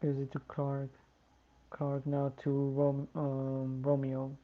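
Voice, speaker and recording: A drowsy fan commentator calls the match for a live watch-along, speaking slowly in a flat, even tone. The audio is a little dull and lo-fi. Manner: tired, yawning, slow and low-key. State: sleepy.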